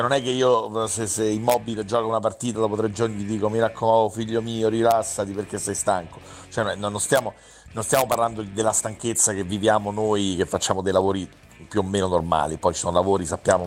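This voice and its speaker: A man's voice: on the low side, flat delivery, fast talker. A man talking casually as a sports journalist on radio, explaining his point and emphatically rephrasing it.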